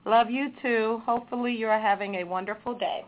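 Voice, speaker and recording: A woman's voice: a little high, steady tone, brisk. A woman calling in for a casual chat, teasing and wry, heard over a phone line. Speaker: caller, the host's sister.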